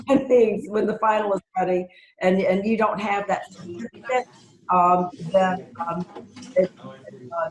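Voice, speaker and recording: Woman university lecturer, casual online class, lots of fillers and restarts, reverberant room on a computer mic. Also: medium pitch. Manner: casual, with frequent ums and self-corrections. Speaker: university professor. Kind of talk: online lecture over video call. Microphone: video call computer mic.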